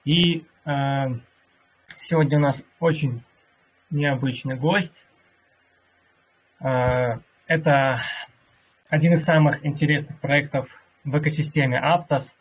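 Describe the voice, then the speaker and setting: A man with a slightly husky voice hosting an online workshop, addressing listeners in a courteous customer-service manner. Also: on the high side, fairly even intonation, takes it slowly, pauses often, low-quality recording. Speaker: host of an online crypto community workshop. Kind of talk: polite announcing to online listeners.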